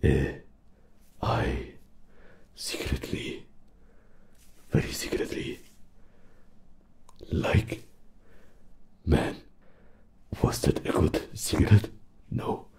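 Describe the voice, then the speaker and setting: Male performer as soft-spoken fox interrogator, whispered role-play: very slow, gravelly and breathy, awkward, hesitant, confiding. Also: very deep voice, heavily acted. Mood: coaxing, hesitant. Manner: halting, hesitant interrogator, gentle.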